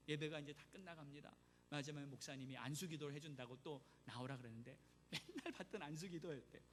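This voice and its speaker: A man preaching a sermon as pastor, telling a story with animated emphasis in a church sanctuary. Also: sits high. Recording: church hall reverb, faint noise.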